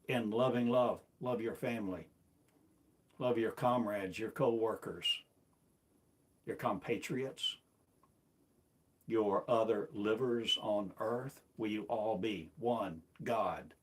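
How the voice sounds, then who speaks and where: A self-styled preacher delivers a rambling, self-recorded sermon in a lowish, slightly mellow male voice. He asks one repetitive, incantatory rhetorical question after another.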